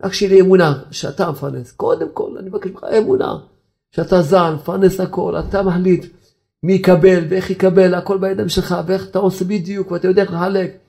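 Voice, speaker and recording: Man preacher, slightly high gravelly voice, emphatic sermon delivery with sudden pitch leaps. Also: level tone, mellow. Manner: emphatic, repetitive pleading, sudden high leaps and chuckling asides. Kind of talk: Hebrew religious sermon.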